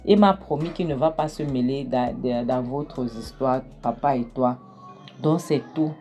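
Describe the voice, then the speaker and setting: A woman's voice: extremely low pitch, unhurried, mellow, soft background music. A woman voicing an upset young daughter pleading her innocence to her mother. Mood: insistent. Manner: pleading, emphatic denials.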